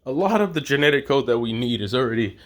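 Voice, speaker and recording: A man's voice: mid-range voice, expressive, quick pace, natural voice. A man voicing laid-back male dragons that talk in easygoing slang with a touch of smugness.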